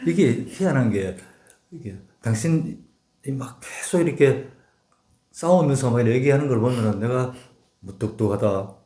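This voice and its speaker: A man's voice: mid-range voice, lively intonation, moderate pace, mellow. An older man from Gyeongsang with a Gyeongsang accent, speaking tersely and bluntly in a casual talk with his wife. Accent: Gyeongsang Korean. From Gyeongsang province, Korea. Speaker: husband in a couple's talk. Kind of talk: casual chat. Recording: roomy echo.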